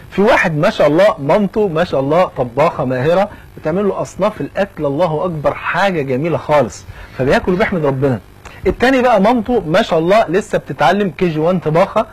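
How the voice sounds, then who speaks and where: A man's voice: high-pitched, slightly rough, low-quality recording. A man with an Egyptian accent teaching children, chatty and joking. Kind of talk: talking to children.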